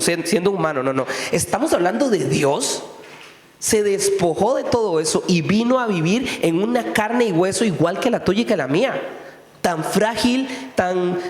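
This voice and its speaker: Pastor, male, high voice, chatty sermon full of rhetorical questions, roomy reverberant hall. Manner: conversational preaching with frequent rhetorical questions. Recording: echoey hall with long reverb.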